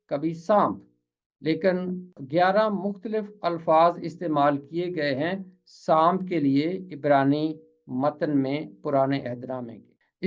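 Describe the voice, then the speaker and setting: Slow, careful Urdu-accented male teacher. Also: a little high, lo-fi sound. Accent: Pakistani Urdu. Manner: careful, deliberate, repeats words to model pronunciation. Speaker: pronunciation teacher. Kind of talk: slow explanatory lesson.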